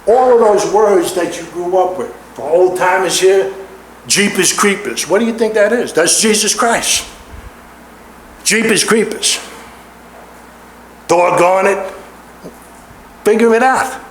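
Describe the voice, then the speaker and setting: A man's voice: high voice, measured pace, a little hiss or hum. A middle-aged man preaching a sermon in a church, stressing and repeating his key words. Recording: roomy echo in a large hall.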